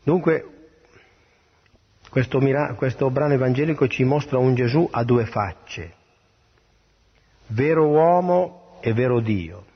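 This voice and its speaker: A man's voice: medium pitch, slow, long pauses, husky. A man, a priest, reading the gospel and giving an earnest homily in a plain manner, with small restarts. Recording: dull lo-fi radio broadcast.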